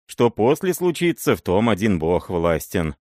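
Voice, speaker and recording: A man voicing a timid, fawning old miller who pleads in a high, wheedling voice. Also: huge pitch swings, normal speed, dry recording, clean studio sound. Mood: pleading. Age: older. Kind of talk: audiobook character voice.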